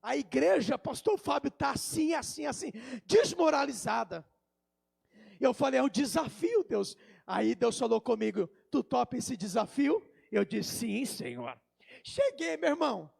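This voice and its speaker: A man with a Brazilian accent, a pastor preaching a sermon in a church, moving between quiet storytelling and shouted crescendos. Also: extremely high pitch, vocal fry. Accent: Brazilian Portuguese. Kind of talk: Pentecostal sermon.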